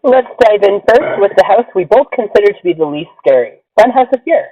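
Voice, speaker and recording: A man's voice: high-pitched, lively intonation, a little fast, no echo. A man hosting a podcast in a casual, chatty style. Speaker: podcast host. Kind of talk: casual chat. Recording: dull lo-fi makeshift recording.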